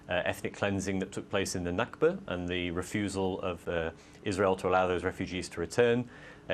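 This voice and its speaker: A male author arguing his case as a debate guest, measured, with frequent hesitations. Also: low-pitched, a little hiss or hum. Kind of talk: studio debate.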